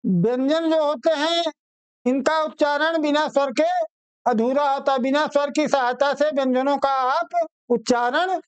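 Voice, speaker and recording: A man teaching an exam-prep grammar lesson, calling his students children and repeating each phrase slowly so they can write it down. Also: extremely high pitch, dry recording.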